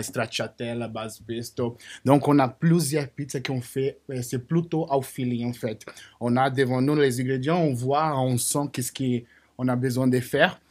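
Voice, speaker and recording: A man's voice: medium pitch, darkish tone. Brazilian-accented man, hesitant pizza chef. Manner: hesitant, searches for words. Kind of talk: casual studio interview. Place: studio.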